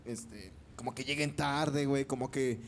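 A man's voice: medium pitch, measured pace, a little hiss or hum. A man co-hosting a casual podcast chat, teasing the others with crude jokes. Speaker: podcast co-host.

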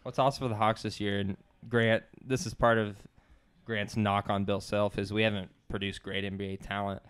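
A man's voice: on the low side, level tone, fairly quick, a bit bright, clear, resonant tone. A man co-hosting a casual sports podcast, making earnest points backed by stats. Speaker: podcast co-host.

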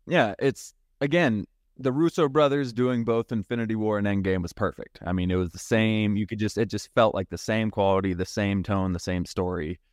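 A man's voice: on the low side, fairly even intonation, moderate pace, few pauses, dry recording, clean studio sound. A man on a casual podcast who laughs often and gives hesitant opinions. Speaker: podcast guest.

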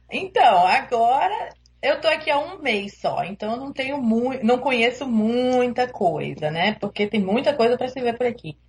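A woman's voice: on the high side, animated, normal speed, slight background noise. A young woman from Recife with a Pernambuco Brazilian accent, chatting as an interview guest over a remote call, hesitant and laughing easily. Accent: Pernambuco Brazilian Portuguese. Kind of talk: casual interview chat.

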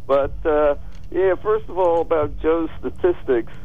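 A man calling into a radio talk show, speaking casually in a halting, hesitant way. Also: a little high. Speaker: caller. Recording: muffled phone call with vehicle noise.

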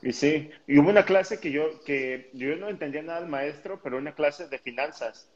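A man's voice: on the high side, normal speed, muffled recording. A man joining a casual conversation with short, agreeable remarks.

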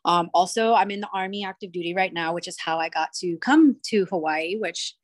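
A woman's voice: fairly low pitch, fairly quick. A young woman from Cuba, a podcast guest chatting casually in a bubbly, rambling way full of fillers. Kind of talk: casual chat.

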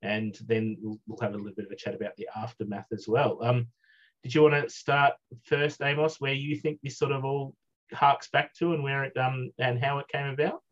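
A man co-hosting a podcast over a video call, steering the talk in a measured way. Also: medium pitch, little pitch movement, a bit bright. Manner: measured, leads the discussion. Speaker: podcast co-host. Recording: dull lo-fi video call audio.

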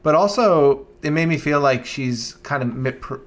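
A young man co-hosting a podcast in casual chat, thoughtful and earnest, often restarting and letting phrases trail off softly. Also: a little high, animated, moderate pace. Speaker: podcast co-host.

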